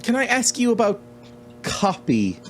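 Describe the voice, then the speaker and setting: A man's voice: high-pitched, huge pitch swings, measured pace, noisy background. Wry, sweary man playing a game. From Ireland. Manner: wry, sweary, laughs often, reads game text aloud. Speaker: let's-play host. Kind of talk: casual game commentary.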